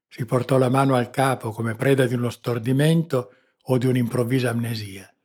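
Male audiobook narrator, grave and measured, slightly raspy. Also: medium pitch, steady tone, darkish tone.

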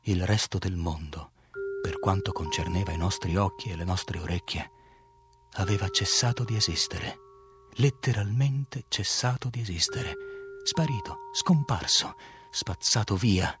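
A man's voice: deep voice, measured pace. A man narrating a literary audiobook, reading with drama and swelling on the tense passages.

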